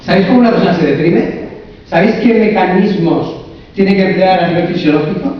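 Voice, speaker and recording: A man's voice: high-pitched, brisk. A man, a coach and therapist giving a humorous live conference talk, asking the audience lots of rhetorical questions. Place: large echoey conference hall. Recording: echoey hall from far off, dull sound.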